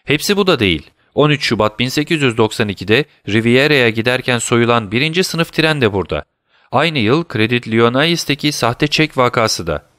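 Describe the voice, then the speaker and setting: Sherlock Holmes, alaycı ve soğukkanlı dedektif bir erkeğin sesiyle. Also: male voice, medium pitch, a little fast, no room sound, clean studio sound, close to an everyday voice. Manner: calm, teasing, commanding. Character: cool, mocking male detective, middle-aged. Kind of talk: audiobook character voice.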